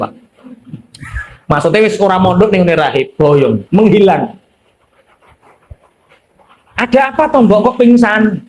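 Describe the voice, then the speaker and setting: High-voiced Javanese preacher telling stories. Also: male voice, echoey room, a little hiss or hum. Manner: lively, joking, mixes narration with asides. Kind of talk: storytelling sermon.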